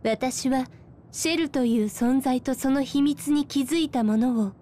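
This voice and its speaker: A woman's voice: high voice, measured pace, mellow, slight background noise. An actress playing a coldly menacing female spirit in a video game, with ladylike, coolly polite speech. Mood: cold menace. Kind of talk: Japanese RPG cutscene voice acting.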